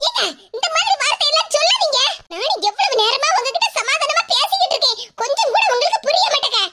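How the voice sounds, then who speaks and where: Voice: very high voice, big pitch swings, fast talker, sharp tone, a little hiss or hum, exaggerated voice. A voice actor playing a worried middle-aged cartoon wife and mother in Kanyakumari Tamil, who coaxes and frets aloud. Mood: pleading. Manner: coaxing, repeats pleas, frets aloud to herself. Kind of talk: cartoon comedy voice acting.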